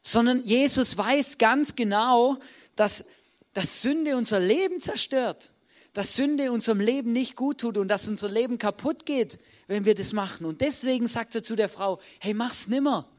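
A man's voice: very high voice, moderate pace. A man preaching an informal sermon, talking straight to the congregation and acting out quotes in a chatty, direct way. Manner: casual, direct, addresses listeners as "du", acts out quotes. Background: music playing under the speech.

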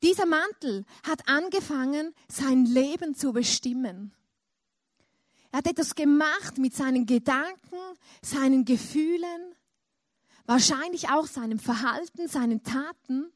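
A woman with a high voice preaches in an unhurried, deliberate way. She tells a story and climbs into dramatic emotional peaks. The sound is dry and close. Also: no echo. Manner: storytelling, with dramatic emotional rises into imagined cries. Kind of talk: sermon.

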